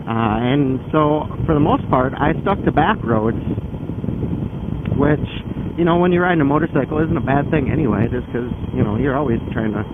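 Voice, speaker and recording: Male motorcycle vlogger, conversational and loosely rambling, mid-pitched voice, tinny narrowband sound with clear vehicle noise. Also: moderate pace. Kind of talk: casual explanatory vlog while riding. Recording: phone-like band, loud wind and engine noise. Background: loud vehicle and outdoor noise.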